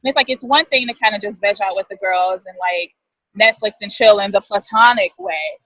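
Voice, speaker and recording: A woman's voice: mid-range voice, animated, brisk, a bit bright, dry recording, rough recording. A woman in her thirties talking as an interview guest, chatty and thoughtful, often correcting herself mid-sentence. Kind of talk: casual interview talk.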